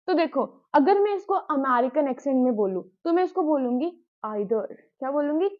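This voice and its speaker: A woman's voice: sits high, lively intonation, brisk. A woman teacher gives a patient spoken-lesson, repeating key words and talking straight to her students. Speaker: English teacher. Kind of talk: explanatory spoken-English lesson. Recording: tinny phone-like sound.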